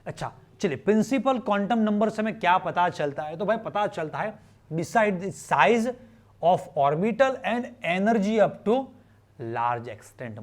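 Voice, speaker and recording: An Indian-accented man with a high voice teaches chemistry in a relaxed, conversational way, asking questions, repeating phrases and blending in English.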